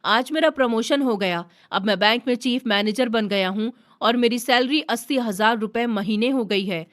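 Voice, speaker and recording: Upbeat eager young guy, woman reading him, pitched fairly high. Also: normal speed, fairly bright tone, close to an everyday voice. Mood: excited. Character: excited young man celebrating his promotion.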